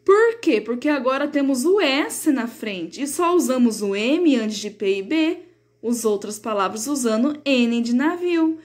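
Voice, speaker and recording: A woman teaches a third-grade class in a recorded remote lesson, patiently explaining the textbook and slowing down to sound out example words. Her voice sits high, with lively intonation.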